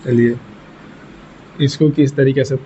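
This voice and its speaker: A man's voice: mid-range voice, steady tone, slow pace, mellow, a little hiss or hum. A man teaching a grammar lesson step by step, repeating points and asking and answering his own questions. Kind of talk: classroom lesson. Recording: dull lo-fi recording.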